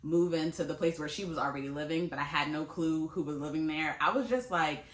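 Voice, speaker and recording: This late-twenties woman vlogs in a low voice at a fairly quick pace, the room around her echoey. She talks to camera in a casual, chatty way, speaking straight to her viewers and laughing easily.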